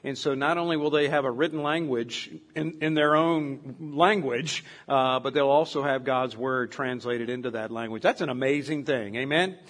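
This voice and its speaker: An older man preaches as a pastor in a mid-range, fairly bright voice at normal speed with few pauses. His sermon is conversational storytelling that rambles, with many fillers and restarts.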